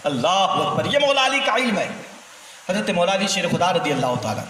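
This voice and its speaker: A man preaching a sermon, telling stories in an animated way and acting out the dialogue. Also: sits high. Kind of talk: sermon storytelling. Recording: echoey hall from far off, faint noise.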